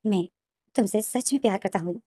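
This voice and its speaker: Lady voicing angry possessive young guy, loud and pushy, fast, dry close sound. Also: medium pitch, husky, dry recording, close to an everyday voice. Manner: forceful, insistent demands.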